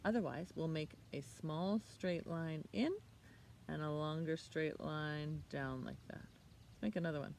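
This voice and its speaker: Her voice sits low and creaky, and she speaks a little slowly. This middle-aged woman is outside by a leafy hedge, reading a picture book and teaching young children with expressive, simple questions and talk, while faint outdoor noise runs underneath.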